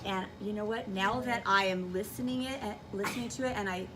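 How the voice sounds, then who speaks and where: Talking fairly quickly in a medium-pitched voice, a woman teacher walks children through an instructive demonstration, reasoning aloud one step at a time. The classroom is noisy, with room noise and kids' voices caught by a distant mic.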